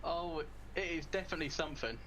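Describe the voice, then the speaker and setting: A man's voice: fairly high pitch, quick pace, a bit bright, slight background noise. A man with a northern English accent interviewing a streamer in a casual, joking way, often stammering and restarting. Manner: stammers and restarts, dry jokes. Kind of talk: casual joking chat over a stream call.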